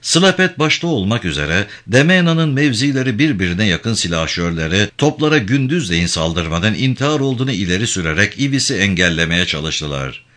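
A man with a low, bright voice performs audiobook narration of a war novel. He reads briskly with barely any pauses, and his expressive, dramatic style sends his pitch soaring and dipping.

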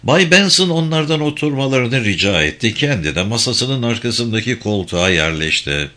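A man narrating an audiobook in an expressive reading style. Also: moderate pace. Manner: expressive reading with wide pitch swings.

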